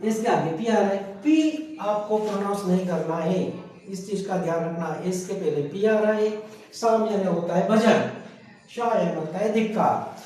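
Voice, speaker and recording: A man with a fairly high voice teaches a grammar lesson, spelling each word out and saying it over and over. He asks his students questions and then answers them himself. He sounds set back from the mic in a strongly echoing room. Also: normal speed, darkish tone. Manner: spells words letter by letter and repeats them. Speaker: English teacher. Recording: very echoey room heard from a distance.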